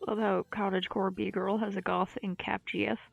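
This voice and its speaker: A woman with a gravelly voice chatting casually on a stream and tossing in wry side comments. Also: mid-range voice, level tone, moderate pace, dry recording, soft background music. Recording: dull, dry lo-fi mic.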